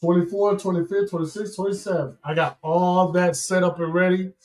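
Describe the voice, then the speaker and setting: A man hosting a watch-party stream, calling the action excitedly and giving blunt opinions in a casual chat. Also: high-pitched, fairly quick. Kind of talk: casual live-stream commentary.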